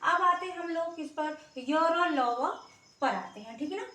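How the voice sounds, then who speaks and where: High-voiced woman teaching slowly in an echoey room. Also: expressive, pushed and bright. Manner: patient, repeats sounds aloud and checks in often. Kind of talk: Hindi grammar lesson. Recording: roomy echo, mic far off.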